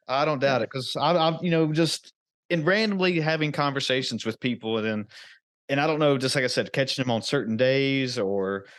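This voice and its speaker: A man from rural Virginia hosts a podcast interview, rambling informally and using many fillers. He talks at a normal speed in a mid-range voice with a slightly bright quality, captured in a dry recording.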